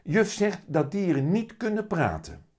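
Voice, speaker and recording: A man doing a high, excited little boy. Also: measured pace, full character voice. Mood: curious. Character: young boy, shy and eager. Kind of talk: reading a children's book aloud.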